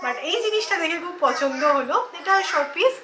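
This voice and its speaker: A woman's voice: very high-pitched, animated, a little fast. A woman vlogger in her thirties chatting casually to viewers about the kitchen items she bought. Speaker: lifestyle vlogger. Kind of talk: casual shopping haul chat. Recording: echoey room, faint noise.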